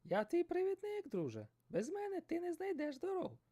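A man's voice: very high voice, huge pitch swings, fairly quick, warm tone, voice pushed up, heavily acted. A man voicing a bossy, knowing female seagull who guides the hero. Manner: bossy, urgent.

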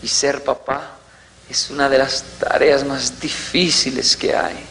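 A man's voice: mid-range voice, flat delivery, measured pace, gravelly, a bit bright, long reverb tail, a little hiss or hum, poor audio. A man giving a lecture, telling stories and acting out family scenes. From Colombia. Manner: storytelling, acts out family scenes. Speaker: motivational speaker. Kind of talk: lecture to an audience.

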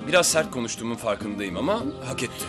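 A young male actor playing a polite, smooth-talking gentleman in a TV drama. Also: medium pitch, sing-song, fast talker, natural voice. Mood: self-assured. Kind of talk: TV drama acting. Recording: loud music behind the dialogue.

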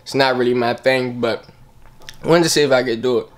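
A man's voice: medium pitch, a little fast. A young man hosting a prank vlog, talking in a slangy, laid-back, teasing way. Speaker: prankster vlogger. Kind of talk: casual vlog talk. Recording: noisy car interior.

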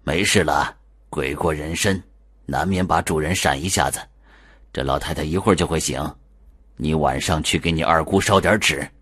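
A man voicing a gruff old male exorcist who talks in curt, scoffing lines. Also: rumbling low, normal speed, fairly bright tone, no echo, clean studio sound, heavily acted.

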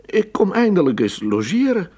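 Guy doing a raised-voice church rat, gushy and eager, a bit husky, storybook. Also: high-pitched, very animated, moderate pace, warm tone, pitched above the performer's own voice, heavily acted.

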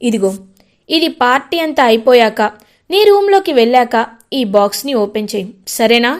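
A woman's voice: fairly high pitch, very animated, moderate pace. A woman voicing a young man who keeps pleading his love with playful persistence, in a retold serial story.

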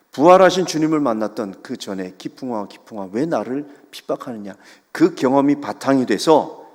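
A man preaching as a pastor, telling a story in a sermon with dramatic rises and soft drops. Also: fairly low pitch. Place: church sanctuary. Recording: long church hall reverb.

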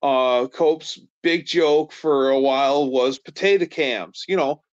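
A middle-aged man co-hosting a casual live chat, telling folksy stories and chiming in with quick agreement. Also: mid-range voice, smooth, no echo. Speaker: co-host of a car show live stream. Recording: dull dry lo-fi stream audio.

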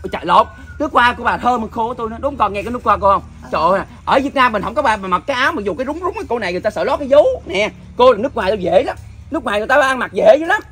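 A man runs a dried-fish shop and banters loudly through a comic sales skit, exclaiming and teasing as he goes. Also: very high voice, animated, rapid-fire, slight background noise. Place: outdoors in the sun.

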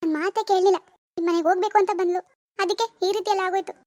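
This woman voices a cartoon's enraged middle-aged mother who accuses her daughter's in-laws, yelling blame at them. Her very high voice stays steady in tone but moves very fast, recorded in clean studio sound with no echo.

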